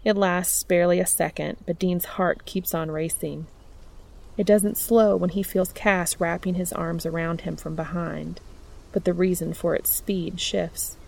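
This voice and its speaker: A woman narrating a romantic story in a steady, even-toned reading. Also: fairly low pitch, measured pace, creaky. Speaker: audiobook narrator.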